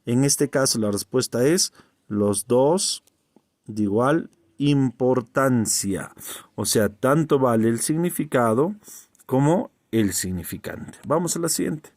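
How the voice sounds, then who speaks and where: A man's voice: mid-range voice, expressive, slow pace, a little mellow, no room sound. Male teacher for exam prep, asks questions then answers them himself, very dry close sound. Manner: checks in with the listener, repeats key terms. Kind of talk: recorded exam-prep language lesson.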